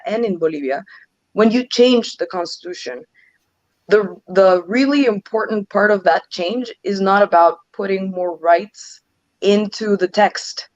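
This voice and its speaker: A woman's voice: mid-range voice, no room sound, highs cut off. A woman from Ecuador, answering interview questions earnestly and restarting her sentences often. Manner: earnest, frequent restarts and "um" fillers. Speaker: interview guest, legislative advisor.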